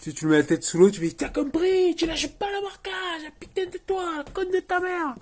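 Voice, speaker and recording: A man voicing a domineering football coach who yells crude insults at his players, with a put-on Marseille accent. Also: very high voice, lively intonation, normal speed, voice pushed up. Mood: bellowing.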